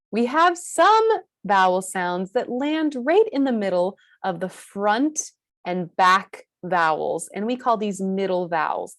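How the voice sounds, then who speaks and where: A woman with an American accent teaching a pronunciation lesson, slowly modeling each vowel sound with careful explanation. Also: medium pitch, dry recording, studio quality. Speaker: accent coach.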